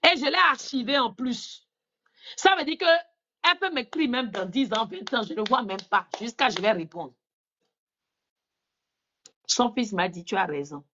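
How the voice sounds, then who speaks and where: A woman speaking at a church women's gathering, giving an animated testimony that acts out quoted dialogue and puts questions straight to the audience. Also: on the high side, normal speed, long pauses, dull audio.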